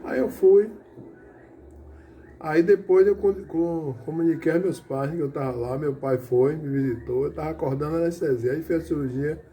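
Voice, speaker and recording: A man's voice: fairly high pitch, fairly even intonation, moderate pace, mellow. Earnest man giving testimony. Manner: earnest storytelling, often calling listeners "brother". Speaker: church member giving testimony. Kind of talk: personal testimony at an online church service.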